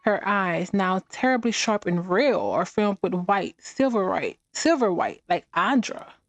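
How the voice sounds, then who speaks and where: A woman hosting a let's play, reading the game's story aloud and reacting as she goes. Her reading is halting, with frequent restarts, in a dry, close sound over faint music. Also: medium pitch, lively intonation, no echo.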